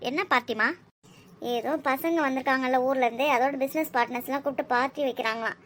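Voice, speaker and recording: A woman voicing a calm, practical middle-aged mother in a cartoon, matter-of-fact and gently scolding. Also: high-pitched, fast talker, a little hiss or hum. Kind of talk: cartoon voice acting.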